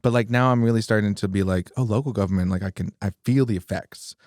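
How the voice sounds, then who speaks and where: Low-voiced rambling male podcast host. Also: fast, darkish tone, no echo, clean studio sound. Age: 30s. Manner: rambling, lots of "like", jokey. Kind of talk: casual interview conversation.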